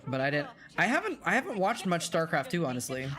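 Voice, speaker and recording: His voice is fairly high, bright and pushed, racing along with big swings in pitch. As a streamer and ex-game caster chatting over old matches, he sounds weary from hours on air, rambles and corrects himself, and reads viewers' chat aloud to respond.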